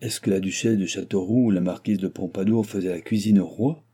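A man's voice: deep voice, steady tone, fairly quick, dark tone, husky. A man voicing a choleric, sarcastic old nobleman who has lost his fortune, talking in a blustering, mocking way. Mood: indignant.

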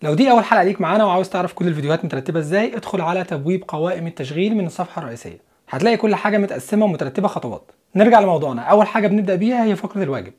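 A young man with an Egyptian Arabic accent runs an online English listening lesson. He explains in quick, energetic bursts and slows right down for carefully drilled example phrases. His voice sits a little high for a man. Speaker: English teacher. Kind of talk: lively online language lesson.

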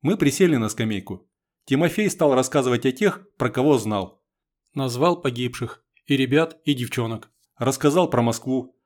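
A man's voice: mid-range voice, animated, normal speed, darkish tone. A man reading a first-person war novel aloud as an audiobook narrator, in a wry, conversational way. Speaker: audiobook reader.

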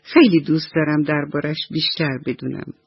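A woman voicing a gentle female octopus teacher who talks patiently to her fish pupils. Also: sits low, fairly even intonation, slightly rough, no echo, highs cut off. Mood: kind. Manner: warm, patient, coaxing.

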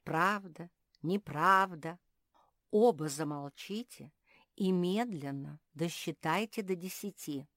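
Woman doing a calm wise owl. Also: lowish voice, no echo, studio quality. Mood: patient. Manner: calm, measured, sighing. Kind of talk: storybook reading.

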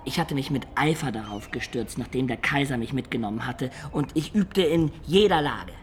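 This is a lightly acted turn from a German radio play: a performer portrays an imaginative, peasant-born man reflecting expressively on his past. The pitch is medium, the pace moderate, and there's a slight hiss or hum underneath.

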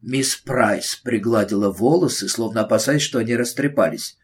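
Husky-voiced male storyteller. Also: medium pitch, moderate pace. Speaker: audiobook narrator. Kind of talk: scripted narration.

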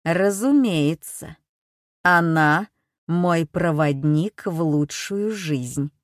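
Booming metallic robot kidnapper on the phone, put on by a female audiobook reader: low, slow, loud, mocking menace. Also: no room sound, clean studio sound. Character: menacing male kidnapper with a mechanical distorted voice. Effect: mechanical, metallic voice-changer over the phone. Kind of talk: audiobook reading.

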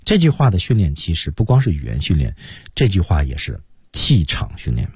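A man teaching English on the radio with a husky, lowish voice and very lively pitch. He explains pronunciation step by step. The recording is dry and close. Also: a little fast, no room sound.

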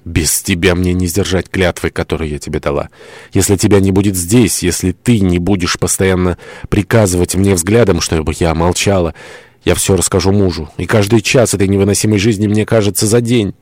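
A man's voice: deep voice, fairly even intonation, brisk, a little mellow, no room sound, natural voice. A man voicing a pious young mother in anguish, pleading and breaking into tearful outbursts in an audiobook. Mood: desperate.

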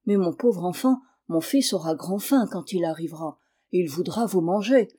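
A woman's voice: on the low side, moderate pace, mellow, husky. A woman doing a protective old mother.

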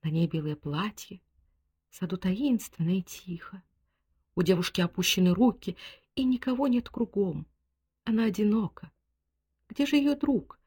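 A woman's voice: mid-range voice, moderate pace, long pauses, husky. A woman whispering as a dreamy lonely girl, whispered role-play. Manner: soft whispered inner thoughts.

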